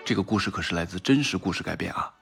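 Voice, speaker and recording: A man telling a humorous story as a monologue, with a Shanghai Mandarin accent, switching between excited crowd voices and calm narration. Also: deep voice, fast talker, vocal fry, soft background music. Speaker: comic storyteller.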